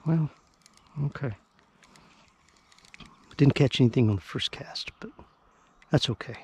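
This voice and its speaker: This man's voice is mid-range, dark and slightly rough, and he speaks at a measured pace. He's a fishing vlogger narrating casually as he fishes a riverbank at dawn, describing what he's doing for the camera mic, with faint birds and outdoor sounds around him.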